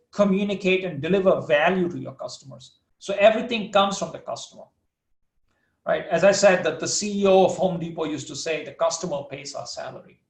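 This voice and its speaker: A man with a fairly high voice, lecturing as a professor and taking questions from his students. He talks in a thoughtful, unhurried way, often pausing on fillers and starting sentences over. The sound carries a noticeable room echo. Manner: thoughtful, with frequent fillers and restarts.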